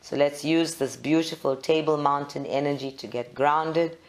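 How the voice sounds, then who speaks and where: Speaking in a steady, mid-range voice, a meditation leader offers measured guidance in brief phrases broken up by long pauses.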